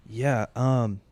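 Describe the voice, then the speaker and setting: Here the same kind of casual home podcaster, a man in his twenties, talks in a mid-range, darkish voice with no echo. Recorded on a close mic at home, his solo talk is rambling and profane, packed with fillers and restarts.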